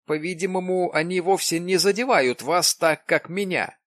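A man voicing an excitable, insistent businessman in an audiobook, talking emphatically with raised pitch. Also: moderate pace, no room sound, clean studio sound. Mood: pleading. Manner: emphatic, exclaiming. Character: excitable middle-aged businessman, pushy and insistent.

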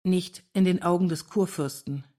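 A woman's voice: lowish voice, moderate pace, dark tone, close to an everyday voice. A woman reading aloud, voicing a melancholy male scholar with a bitter, gloomy manner. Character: melancholy man, scholar and librarian.

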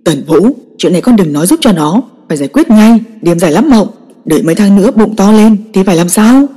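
A woman voicing a furious, domineering old father who shouts harsh commands at his daughter. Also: medium pitch, animated, fast talker, breathy edge. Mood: stern. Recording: long echoing reverb.

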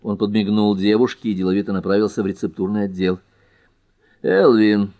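A man narrating a detective novel as an audiobook in a measured, expressive reading. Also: fairly low pitch, muffled recording.

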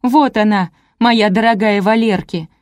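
A woman's voice: mid-range voice, measured pace, darkish tone, dry recording, studio quality, lightly acted. A woman reading an audiobook, voicing a hysterical jealous wife who shrieks and hurls insults. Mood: shrill furious. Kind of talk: audiobook character voice.

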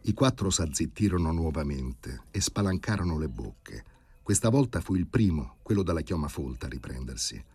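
Husky male audiobook narrator. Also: very deep voice, no room sound. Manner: measured, expressive storytelling. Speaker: audiobook reader.

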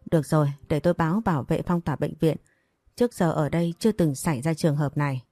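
Woman reading a brisk night-shift doctor. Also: deep voice, fairly even intonation, warm tone, no room sound, faint music behind.

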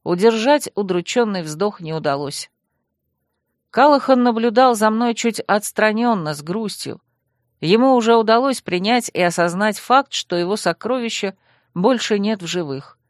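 A woman reading a first-person fantasy audiobook in an even, wistful storytelling manner. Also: mid-range voice, moderate pace, no room sound, studio quality. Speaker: audiobook narrator.

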